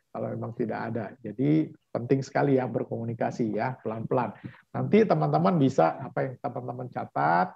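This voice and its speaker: A man's voice: mid-range voice, vocal fry, breathy edge, dry recording, muffled recording. A man teaching a Bible school class over a video call in a chatty, hesitant way, with many fillers. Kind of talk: online class lecture.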